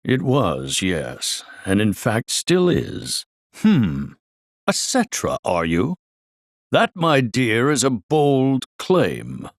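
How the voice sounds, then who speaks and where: A man's voice: mid-range voice, wildly swooping pitch, extremely slow, no echo, clean studio sound, full character voice. An actor playing a flamboyant, vain, muscle-bound amusement park director in a video game, with a grandiose showman's manner and formal, flowery diction. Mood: measured, theatrical. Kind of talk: theatrical video game voice acting.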